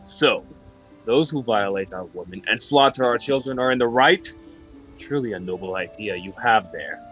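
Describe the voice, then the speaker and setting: A man's voice: on the low side, lively intonation, moderate pace, fairly bright tone, soft background music. A man voicing a sarcastic, playful and menacing demon lord in an amateur game dub. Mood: sardonic. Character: demon lord, sardonic, laid-back, menacing, flirtatious ruler.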